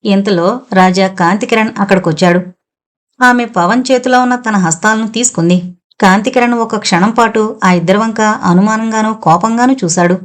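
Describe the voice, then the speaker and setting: A woman narrating a novel in a steady storytelling manner, as an audio novel reader. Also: mid-range voice, normal speed.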